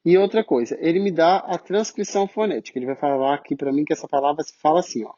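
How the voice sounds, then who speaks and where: This man speaks English with a Brazilian Portuguese accent while teaching pronunciation in an online phonetics lesson. He explains things step by step and stretches sounds out slowly to show them. His voice is a little high and warm, and the audio is lo-fi.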